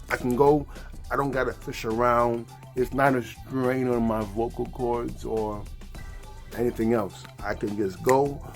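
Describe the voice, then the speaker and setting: A man teaching ventriloquism in an upbeat, slangy, chatty way. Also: medium pitch. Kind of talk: casual tutorial.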